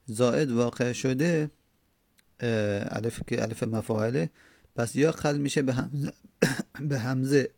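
A man lecturing on Arabic grammar, explaining each step and repeating words slowly to drill them. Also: medium pitch, gravelly, darkish tone, no room sound, clean studio sound. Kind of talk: classroom lecture on Arabic morphology.

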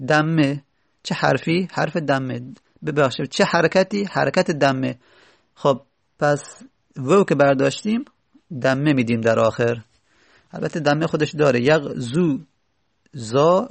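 A man's voice: fairly high pitch, vocal fry, no room sound. A man teaching an Arabic grammar lesson, patiently repeating each rule and example step by step. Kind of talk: explanatory lesson.

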